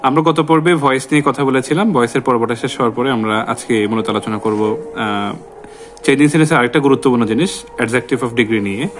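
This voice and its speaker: A man teaches a grammar lesson, asking the class questions and answering them himself. He drills word forms slowly, one after another. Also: medium pitch, slight background noise.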